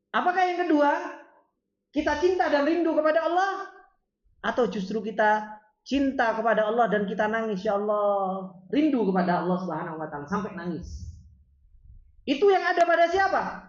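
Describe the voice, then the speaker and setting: A man teaching an Islamic study circle, reading Arabic lines and then explaining them with lively rhetorical questions to the audience. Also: very high voice. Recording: roomy, dull lo-fi sound.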